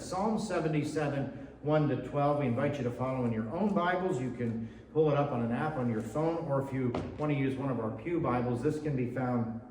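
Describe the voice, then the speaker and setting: A man's voice: medium pitch, darkish tone, slight background noise. A male pastor giving a sermon in a church, reading scripture and adding casual, conversational asides. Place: church sanctuary. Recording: echoey church hall, mic from far off.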